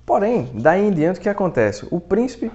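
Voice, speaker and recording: A man's voice: sits high, big pitch swings, normal speed, mellow. A man with a Brazilian accent, hosting a literature podcast, casually retelling a novel's plot in colloquial speech with some swearing. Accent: Brazilian Portuguese. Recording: dull, muffled lo-fi recording.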